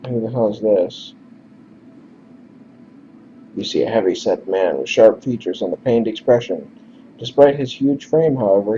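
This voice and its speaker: A man's voice: on the low side, warm tone. A man narrating a game he plays, reading its text with sarcastic, offhand asides, in a dull lo-fi recording with faint hiss. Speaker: let's play narrator. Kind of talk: casual game commentary and reading.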